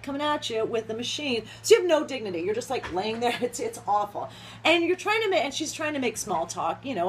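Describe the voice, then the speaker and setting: Chatty woman with a high voice. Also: slight background noise. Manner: chatty, rambling, laughs often. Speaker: vlogger. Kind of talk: casual rant to camera.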